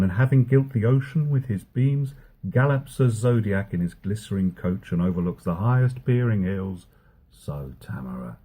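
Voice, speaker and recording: A man's voice: fairly high pitch, breathy edge, pitched above the performer's own voice. A man voicing a scheming, ambitious villain, reading Shakespeare aloud with brooding then exultant declaiming.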